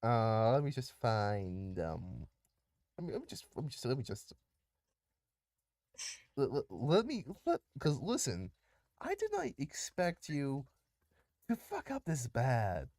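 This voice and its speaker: A man's voice: mid-range voice, huge pitch swings, slow pace, pauses often, darkish tone, no room sound, clean studio sound. A man running a tabletop game as game master, laughing often and stalling with repeated restarts.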